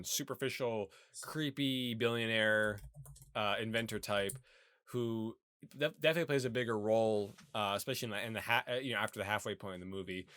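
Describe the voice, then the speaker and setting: A man's voice: lowish voice, sharp tone, smooth, no room sound, studio quality. Rambling man co-hosting a film podcast. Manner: rambling, many fillers and restarts. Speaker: podcast co-host. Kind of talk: casual chat about a movie.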